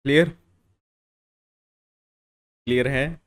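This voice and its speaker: Slow and fairly even in intonation, a young adult man with a mid-range voice gives a chemistry lecture in class. He repeats key phrases, answers the questions he raises, and refers to the students as "beta" and "bhaiya".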